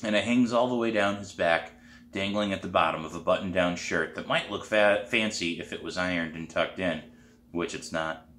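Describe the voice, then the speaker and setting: Male author reading his middle-grade book aloud, steady narration, lowish voice. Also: moderate pace, echoey room. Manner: plain, steady first-person narration. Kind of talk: storybook read-aloud.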